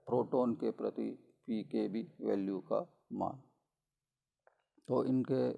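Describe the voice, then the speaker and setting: Man, chemistry lecturer, gravelly, dark voice, measured explanatory pace, middle-aged. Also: fairly low pitch. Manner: measured explanatory delivery with frequent fillers and self-corrections. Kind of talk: recorded college lecture.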